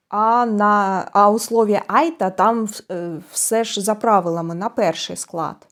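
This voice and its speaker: A woman with a Ukrainian accent hosts her own casual language lesson, speaking at an ordinary mid pitch. She explains things thoughtfully and stops now and then with fillers while she finds the next word. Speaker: channel host explaining Estonian stress.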